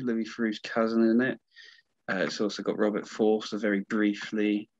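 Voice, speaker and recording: A man's voice: lowish voice, dry recording. A young man in his twenties co-hosting a casual film podcast, rambling with many hesitant fillers. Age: 20s. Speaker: podcast co-host. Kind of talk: casual film-review chat. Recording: dull, dry lo-fi mic.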